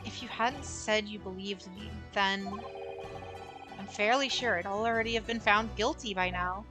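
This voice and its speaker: A woman voicing an anxious young man on trial in a game, speaking quietly and earnestly. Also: mid-range voice, steady tone, moderate pace, music in the background, close to an everyday voice. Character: anxious young male defendant lawyer. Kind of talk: voice-acting a game on stream.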